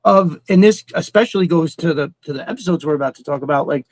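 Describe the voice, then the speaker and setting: A man co-hosting a podcast chats casually and emphatically, swearing freely and rambling through his opinions in an opinionated fan conversation. His voice is a little high, a little mellow and fast.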